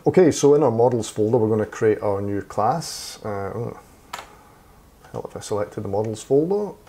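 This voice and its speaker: A programming tutor with a lowish, warm voice narrates a screen-recorded coding tutorial, thinking aloud animatedly as he types, using fillers and correcting himself quickly. He sounds slightly hoarse, as if losing his voice, and keyboard typing and clicks are audible along with a little hiss or hum.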